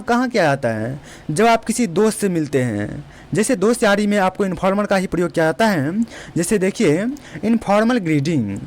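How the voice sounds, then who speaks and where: A spoken English teacher giving a beginner lesson, who says each example phrase slowly and repeats it before explaining it. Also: medium pitch.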